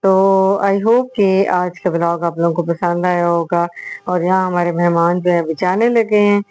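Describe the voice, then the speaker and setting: A middle-aged woman chatting through a voice-over for her home vlog, unhurried, with drawn-out fillers between thoughts, recorded close on a small mic. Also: lowish voice, fairly even intonation, a little mellow, poor audio. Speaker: vlogger, host. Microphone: voice-over on a small clip-on mic.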